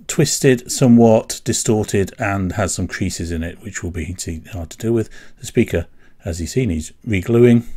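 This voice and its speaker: Working at a workbench indoors, a repair video host walks viewers through a hands-on job one step at a time. He's middle-aged, with a darkish, lowish voice, and his manner is relaxed yet methodical.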